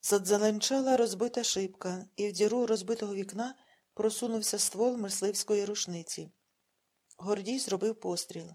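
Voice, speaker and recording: A woman reading an audiobook novel aloud in steady, grave narration. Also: medium pitch, normal speed. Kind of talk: scripted narration.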